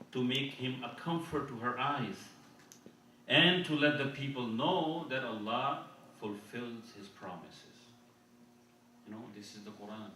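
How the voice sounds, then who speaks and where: A man with a mid-range, bright, forceful voice preaches at an Islamic conference, earnest as he repeats himself, restarts phrases, and quickly recites Arabic verses. The mosque hall is very echoey, the mic sits far from him, and slight background noise comes through.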